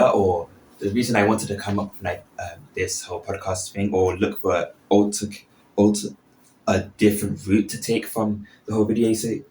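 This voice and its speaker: The speaker, a man in his early twenties with a lowish, slightly mellow voice, casually rambles as a podcast host without a script. He keeps breaking off his own sentences. The recording takes place in a small indoor bathroom, so there's echo plus some background noise.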